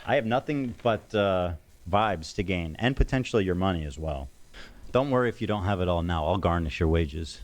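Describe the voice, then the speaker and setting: A man in his forties with a slightly low voice rants like a podcast host. He is sarcastic and crude, and swears casually. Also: lively intonation, moderate pace. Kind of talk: casual talk show rant.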